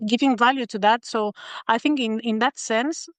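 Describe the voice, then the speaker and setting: A woman from Spain with a Spanish accent, a guest in a podcast interview who speaks thoughtfully and fills her pauses with "uh". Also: on the high side, no room sound. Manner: thoughtful, many filler pauses. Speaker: guest designer.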